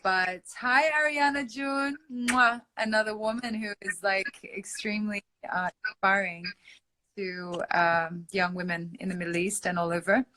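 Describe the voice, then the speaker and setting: A woman singer originally from Iran talks casually as an interview guest on an online call. Her voice is bright and forward. She speaks in an effusive, affectionate way, scattering "like" and "um" through her answers. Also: mid-range voice, steady tone, unhurried, a little hiss or hum, poor audio. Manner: effusive and affectionate, with many "like" and "um" fillers.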